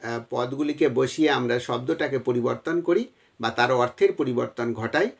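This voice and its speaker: A man's voice: mid-range voice, moderate pace, gravelly. A man teaching a grammar lesson to exam students, explaining step by step and addressing them directly, with a West Bengal Bengali accent.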